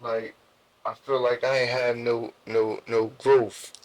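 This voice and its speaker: Slangy halting Jersey man. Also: medium pitch, level tone, low-quality recording. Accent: New Jersey. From Jersey City, USA. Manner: slangy, halting with many restarts and fillers. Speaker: guest. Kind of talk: casual storytelling interview.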